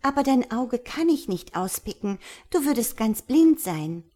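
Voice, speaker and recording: A woman's voice: sing-song, a little slow, mellow. A woman reading a fairy tale aloud and voicing a kind-hearted, loyal little female swallow in a raised, pleading voice. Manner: high pleading storytelling voice.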